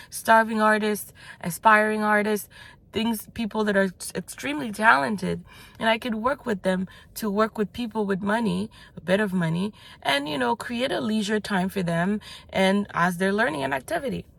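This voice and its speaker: Gravelly-voiced frank woman coach. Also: mid-range voice, fairly bright tone. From United States. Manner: blunt and frank, swears casually; loose and rambling, with many fillers and restarts. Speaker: mindset and business coach. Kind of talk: motivational vlog monologue.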